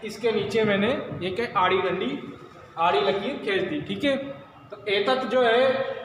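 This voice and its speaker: A man with a fairly high voice teaches at a blackboard, pausing to ask his class questions and then answer them himself. The room is strongly echoey, with a long reverb tail and faint background noise. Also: fairly bright tone. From India. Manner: explains slowly, asking and answering his own questions. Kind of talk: blackboard lesson.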